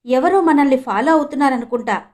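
A woman's voice: sits high, lively intonation, fairly quick, a little mellow. A woman voicing a caring, cautious woman doctor in a story, speaking with urgent concern. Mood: worried.

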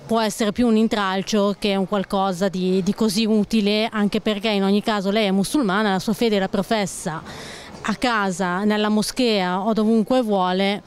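A woman's voice: medium pitch, fairly even intonation, normal speed. Young woman, street interview, earnest run-on answer, handheld mic, faint street noise. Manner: earnest, long run-on explanations. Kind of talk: vox pop answer. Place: outdoors on a town street by a shop window.

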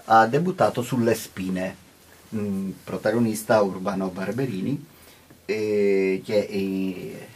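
A male interviewer introduces the guest and asks him measured questions. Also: fairly low pitch, steady tone, a little mellow, husky.

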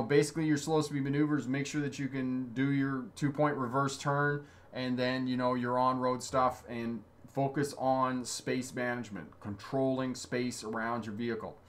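A man's voice: medium pitch, a bit bright. A man in his fifties, originally from Ontario, hosts a casual webcam livestream from a small home studio. He reads viewer comments aloud and answers them as a driving instructor, keeping his replies upbeat and encouraging. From Ontario, Canada. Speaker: driving instructor and channel host. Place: indoor home studio with signs on the wall.

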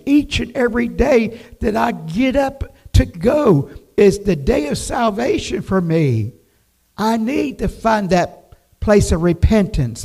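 Slow, high-voiced older preacher. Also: male voice, darkish tone. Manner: slow, emphatic preaching with scripture quotes. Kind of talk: devotional sermon. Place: church sanctuary, at a pulpit. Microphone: pulpit microphone, far camera.

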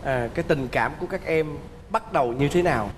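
Middle-aged guy hosting, kinda high voice, echoey hall. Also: brisk. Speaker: talk show host. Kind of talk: presenting and interviewing. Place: TV studio stage. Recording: reverberant hall, faint noise.

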